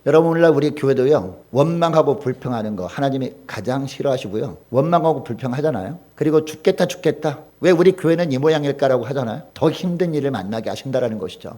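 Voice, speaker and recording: A man preaching a Sunday sermon as pastor, asking the congregation questions and acting out quoted lines with lively emphasis. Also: mid-range voice, quick pace, few pauses. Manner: animated preaching with acted quotes and rhetorical questions.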